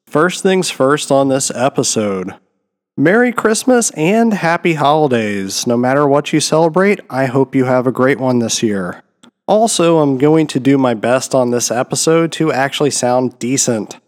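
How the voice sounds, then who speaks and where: Nasal, slightly gravelly man, echoing reverb. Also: mid-range voice, animated, moderate pace. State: stuffed up with a head cold. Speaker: host of a film review show. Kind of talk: solo film review commentary.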